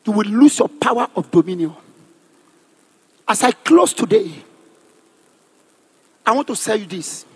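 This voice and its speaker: Nigerian pastor preaching in a very high, shouting voice. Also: male voice, breathy edge, big-room sound. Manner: preaching loudly with frequent shouts and call-and-response. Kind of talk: sermon. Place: large convention hall.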